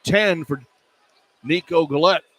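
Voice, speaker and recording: Calling a basketball game live from courtside, this radio play-by-play man uses clipped, running phrases. His voice is fairly high and a bit bright, and he speaks slowly. Arena ambience and noise come through clearly in the live broadcast.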